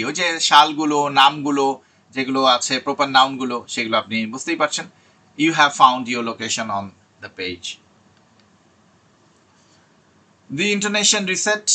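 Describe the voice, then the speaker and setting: Bright-voiced man teaching an online class. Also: mid-range voice. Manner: reads English tips slowly, explains in Bengali. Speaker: IELTS teacher. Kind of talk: online lesson.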